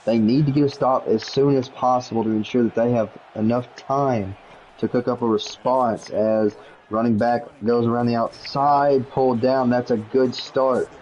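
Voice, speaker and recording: A man calling play-by-play for a video game league, quick and jokey, rising to shouts on big plays. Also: mid-range voice, fairly even intonation, lo-fi sound, slight background noise. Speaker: play-by-play commentator.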